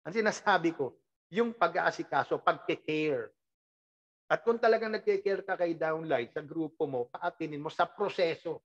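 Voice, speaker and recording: A network marketing team leader giving an animated, emphatic motivational training talk, full of rhetorical questions and laughing while teasing the team. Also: mid-range voice, dull audio.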